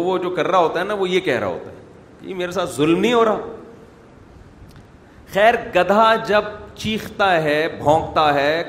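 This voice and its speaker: A man preaching a sermon, telling stories with sharp swings between loud and soft. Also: a little high. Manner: animated storytelling with sharp swings in loudness. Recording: echoey hall with faint noise.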